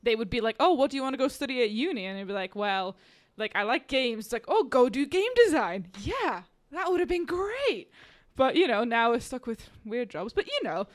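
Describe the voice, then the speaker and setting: Excitable woman from Slovakia, casual chat. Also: fairly high pitch, a little fast. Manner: animated, laughs often, excitable.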